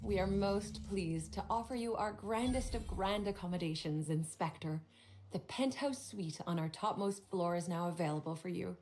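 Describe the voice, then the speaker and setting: A woman's voice: on the low side, moderate pace, darkish tone, a little hiss or hum, natural voice. A woman voicing a prim, formal hotel desk clerk in a video game who turns catty and gossipy.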